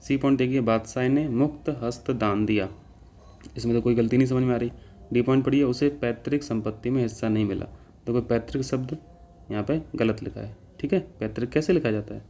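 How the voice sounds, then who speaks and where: A man's voice: mid-range voice, fairly quick, warm tone. A man teaching an exam-prep class, walking through answers step by step and checking in with students again and again. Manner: explains step by step, keeps checking with "ठीक है".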